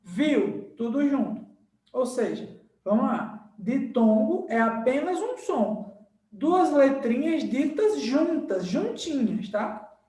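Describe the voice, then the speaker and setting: A man teaches grammar at an unhurried, drawn-out pace, repeating words and stopping to ask "right?" His voice sits in the middle of the pitch range and sounds roomy and a little distant, as if recorded in an echoey room away from the mic. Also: very animated, warm tone. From Brazil. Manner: slow, repeats words and checks in with "tá?" and "certo?". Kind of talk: recorded grammar lesson at a board.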